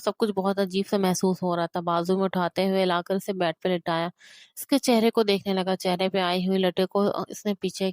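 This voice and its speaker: A woman narrating a romance novel with steady, emotive storytelling. Her voice is smooth and resonant at a middle pitch, recorded dry and close. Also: no room sound.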